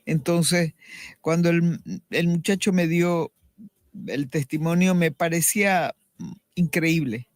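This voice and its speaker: A woman's voice: lowish voice, fairly even intonation, takes it slowly, long pauses, darkish tone, no room sound. A middle-aged woman giving a personal faith testimony as a radio interview guest, earnest and reflective, often restarting her sentences.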